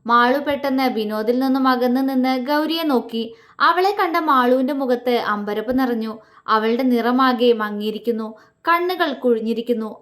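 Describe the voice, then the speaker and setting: A woman narrating a serialized romance novel in a steady, measured reading voice. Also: on the high side. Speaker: storyteller.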